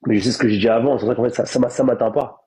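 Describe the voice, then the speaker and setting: Fast-talking young man with a stuffy nose. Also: mid-range voice, fairly even intonation, mellow, slightly rough. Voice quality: congested, blocked-nose voice. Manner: repetitive, emphatic self-justification with rhetorical questions. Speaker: live-stream host, reality show participant. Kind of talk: casual live chat, explaining himself.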